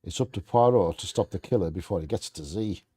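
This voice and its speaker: A man's voice: low voice, fast, warm tone, husky. A man co-hosting a bingo game, reading scripted trivia aloud in a playfully theatrical storytelling way.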